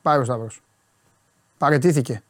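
A man co-hosting a show, bantering casually and hammering his points home by repeating words over and over. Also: medium pitch. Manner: emphatic, repeats words for insistence. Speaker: radio co-host.

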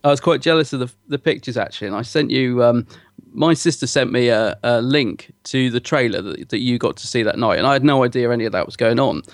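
A man's voice: medium pitch, quick pace, hardly any pauses, no echo, clean studio sound. A man co-hosting a podcast in casual, conversational chat. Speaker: podcast co-host.

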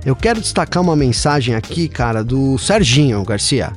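A man's voice: medium pitch, big pitch swings, normal speed, soft background music. A man with a Brazilian accent co-hosting a podcast, chatting in an easygoing way and often checking in with his co-host. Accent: Brazilian Portuguese. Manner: easygoing, peppers speech with tag questions to his co-host. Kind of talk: casual chat.

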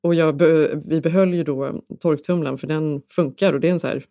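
Podcast co-host, woman, lowish voice, animated storyteller who acts out dialogue, dry close recording. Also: no echo. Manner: animated storyteller acting out quoted voices, laughing often. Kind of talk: casual storytelling chat.

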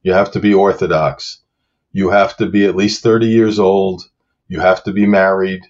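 Low-voiced man on a dull lo-fi line. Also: fairly even intonation, normal speed, darkish tone. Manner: thoughtful, explains step by step with small restarts. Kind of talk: explanatory discussion. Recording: dull lo-fi sound.

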